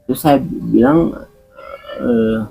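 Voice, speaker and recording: A man's voice: mid-range voice, slow, creaky, dark tone, breathy edge, soft background music, poor audio. A man guest in an interview, recounting a personal experience in a hesitant way, repeating words and using many fillers.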